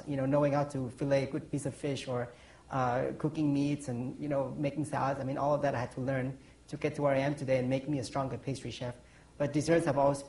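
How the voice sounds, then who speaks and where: A man's voice: medium pitch, a little mellow, low-quality recording. A man in his forties from Thailand, a pastry chef answering on a panel, rambling with lots of ums and restarts. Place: conference stage.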